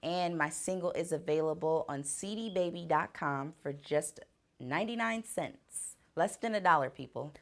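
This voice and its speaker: A woman singer answering fan questions in a casual vlog, speaking earnestly and reflectively with soft fillers. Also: low-pitched, normal speed. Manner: earnest, faith-driven speaking.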